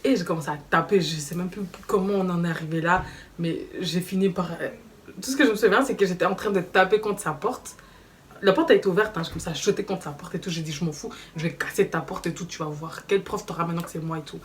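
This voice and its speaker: A young woman telling a story in a casual vlog, animated and slangy, acting out quoted dialogue. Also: lowish voice, fast. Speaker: vlogger. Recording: slightly distant mic with faint background noise.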